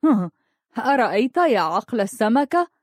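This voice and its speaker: A woman's voice: mid-range voice, normal speed, dark tone, dry recording, natural voice. A woman voicing a scornful young nobleman who talks with sarcasm. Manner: sneering, sarcastic.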